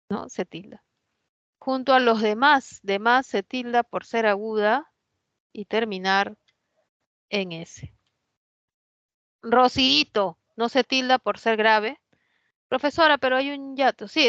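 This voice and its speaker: A woman with a fairly high voice teaches a spelling lesson, explaining each rule step by step. She keeps checking that her students follow. The recording is dry and a little dull. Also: a bit bright, no room sound. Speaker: language teacher. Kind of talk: pre-university spelling lesson.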